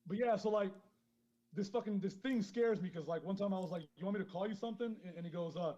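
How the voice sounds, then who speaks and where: A man who grew up in Queens, high and chatting casually as a podcast guest, rambling, swearing a lot and laughing often. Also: fast talker, warm tone. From born in Honduras, grew up in Queens, New York. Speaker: guest caller, clothing brand founder. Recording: dull lo-fi phone call.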